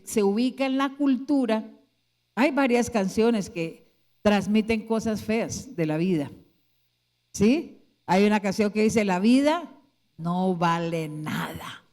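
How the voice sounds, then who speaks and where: Animated yet slow, the woman pastor speaks in a mid-range, darkish voice. In a church hall with lengthy reverb, she delivers her sermon through a string of rhetorical questions aimed at the congregation.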